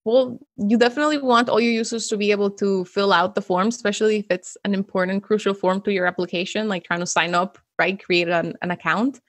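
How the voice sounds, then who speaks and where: A young woman originally from Venezuela speaks as a guest in a relaxed video interview. She explains things clearly and in a friendly way, and laughs easily. Her voice is recorded dry on a close studio microphone with a pop filter. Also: medium pitch, fairly quick, few pauses, no echo. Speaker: guest, web developer. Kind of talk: casual interview. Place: home room. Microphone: close studio mic with pop filter.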